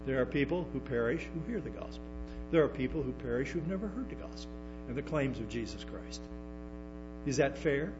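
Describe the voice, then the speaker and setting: The pastor here is a man with an expressive mid-range voice, talking a little fast. His sermon to the congregation is full of stumbles, restarts and emphatic asides, heard through dull lo-fi audio with music and hum.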